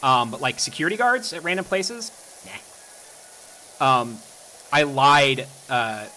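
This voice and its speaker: A young man on a live stream, talking casually and spinning wry anecdotes full of ums. His voice is bright and forward, with a faint hiss of noise underneath. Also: mid-range voice, lively intonation, a little slow, rough recording. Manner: wry storytelling with frequent ums.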